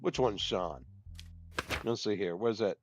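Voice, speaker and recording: A man livestreaming a courtroom game, joking loudly, swearing, and handing down mock-judge verdicts. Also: fairly low pitch, expressive, unhurried, music in the background. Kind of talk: casual gaming commentary.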